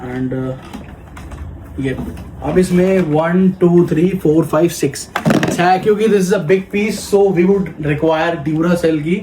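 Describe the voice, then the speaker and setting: Taking his time, an Indian man with a slightly high voice explains a toy step by step for a toy shop, his casual demo blending Hindi with English. Clicking and background noise come through in the echoey room.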